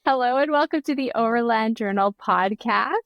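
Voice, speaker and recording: A woman's voice: fairly high pitch, moderate pace, dry recording, muffled recording. A woman hosting a podcast, reading an intro and interviewing a guest with upbeat enthusiasm. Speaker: podcast host. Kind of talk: scripted intro, then casual interview.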